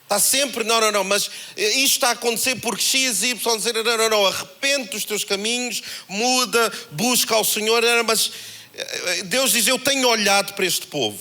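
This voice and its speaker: A man with a European Portuguese accent preaching a sermon, in a conversational, animated way that acts out the voices he quotes. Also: high voice, a little fast. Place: church held in a cinema.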